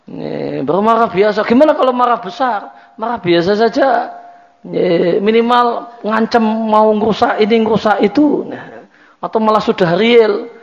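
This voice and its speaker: A man's voice: sits high, moderate pace, creaky. A man giving a religious study lecture in a chatty, repetitive way. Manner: conversational, repetitive, drops in Javanese words. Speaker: Islamic teacher. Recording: dull lo-fi lecture recording.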